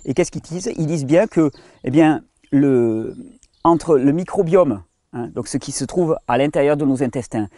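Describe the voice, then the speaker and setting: Man, French speaker, casual explainer, restarts a lot, mellow tone, dry sound. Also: a little high, dry recording. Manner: talks to viewer as "tu", hesitant restarts, reads study titles in halting English. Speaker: health channel host. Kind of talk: explanatory monologue.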